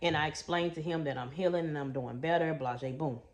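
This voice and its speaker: Her voice sits low and she talks fairly quickly. This middle-aged Houston woman, a trauma coach, shares a story-time vlog in a homey Texas style, addressing viewers as "y'all" and "baby."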